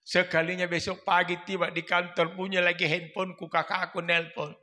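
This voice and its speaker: A preacher in his fifties from South Sulawesi, Indonesia, speaks with a Makassar Indonesian accent as he gives a humorous sermon, acting out family stories by switching into the voices of the mother and father. His voice sits high and sharp with little pitch movement and a brisk pace, and the recording echoes through a mosque hall.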